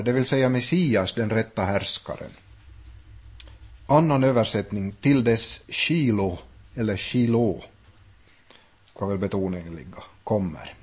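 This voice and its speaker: A man's voice: fairly low pitch, a little mellow, husky. A man teaching a Bible study, thinking aloud with frequent restarts and hesitations. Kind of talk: unscripted Bible study talk.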